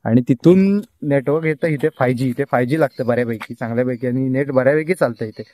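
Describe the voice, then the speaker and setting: A young village vlogger from Konkan, India talks fast and warmly into his handheld phone camera, standing outdoors on a hill as evening falls. His pitch is an ordinary male middle range, and he chats casually, pointing out the scenery and calling to animals and children.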